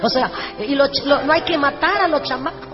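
A woman preacher telling lively, humorous stories in a sermon, acting out the dialogue. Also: high voice, brisk. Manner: animated, humorous, acts out dialogue. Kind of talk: storytelling sermon. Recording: echoey hall, dull sound, music behind.

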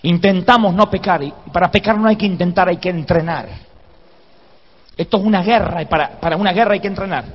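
A preacher tells a comic story from the pulpit, acting out the shouts and groans in it. His voice sits high for a man, and the live recording sounds dull and lo-fi. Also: fairly quick, big-room sound. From Argentina.

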